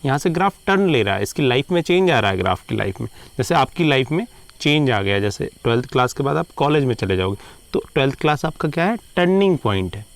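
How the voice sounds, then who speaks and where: A man lectures on math at a middle pitch, his voice rough with a gravelly edge. He mixes Hindi and English and draws out key terms slowly for emphasis. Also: big pitch swings. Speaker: math teacher. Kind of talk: classroom lecture.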